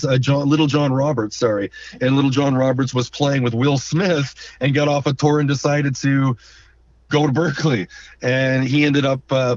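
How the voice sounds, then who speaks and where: Animated male drummer telling road stories. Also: medium pitch, no echo. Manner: animated storyteller who acts out quoted voices and hums drum rhythms. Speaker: guest drummer. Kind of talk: casual storytelling interview. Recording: distant dull lo-fi mic.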